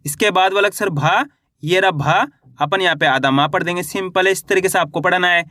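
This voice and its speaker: A man teaching young readers, slowly sounding out syllables one at a time and then blending them into whole words. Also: high-pitched, bright, forceful tone, dry recording, studio quality. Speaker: Hindi reading teacher. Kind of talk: slow syllable-by-syllable reading lesson.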